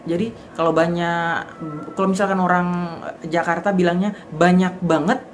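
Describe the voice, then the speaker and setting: Lower-voiced woman explaining. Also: steady tone, normal speed, a little hiss or hum. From Aceh, Indonesia. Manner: thinks aloud, demonstrates word pronunciations. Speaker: vlogger. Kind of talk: casual explanatory talk.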